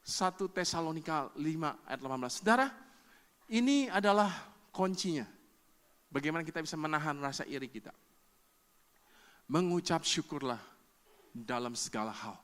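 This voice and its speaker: A middle-aged man from Indonesia preaching as a pastor, his voice high and bright. He swings his pitch up and down a lot, jumping into other people's voices in quick acted quarrels. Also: expressive. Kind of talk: sermon.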